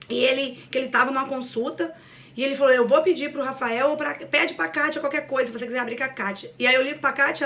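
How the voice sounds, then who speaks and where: Higher voiced woman telling her church testimony, earnest, mic kinda far off. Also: a bit bright. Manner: earnest, storytelling, addresses listeners as "gente". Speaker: church cell group speaker. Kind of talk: personal testimony to a group.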